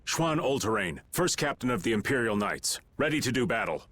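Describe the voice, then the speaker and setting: A man's voice: mid-range voice, big pitch swings, brisk, noisy background, natural voice. A man voicing a weary middle-aged knight captain in a video game, speaking in a formal, restrained way. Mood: cold.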